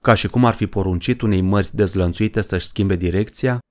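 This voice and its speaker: Male narrator, horror audiobook, low voice, measured, dramatic.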